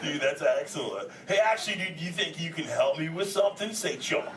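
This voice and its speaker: A man's voice: fairly high pitch, expressive, fairly quick, close to an everyday voice. A man voicing a laid-back male green sea turtle who talks like a surfer and says "dude" constantly, joking with a live audience. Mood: excited. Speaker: live character performer talking with an audience. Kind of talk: improvised live audience interaction. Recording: echoey venue from a distance, audience chatter. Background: audience chatter and crowd noise.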